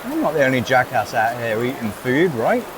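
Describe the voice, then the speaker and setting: A man's voice: medium pitch, big pitch swings, normal speed, background noise. A man chatting casually to camera as he vlogs outdoors in a theme park, upbeat and self-mocking. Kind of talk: casual vlog chat.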